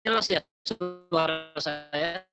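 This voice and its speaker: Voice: medium pitch, very slow. A prayer leader in an online cell group whose voice keeps breaking up over the call, checking whether they can be heard. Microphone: video call. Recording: dull lo-fi video-call audio with faint music.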